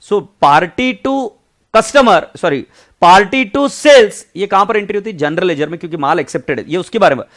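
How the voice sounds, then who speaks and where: A man's voice: high-pitched, expressive, a bit bright. Indian man teaching accounts in Hindi-English. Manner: mixes Hindi and English, reads textbook lines slowly; addresses students as beta, chatty asides. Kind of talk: online class lecture.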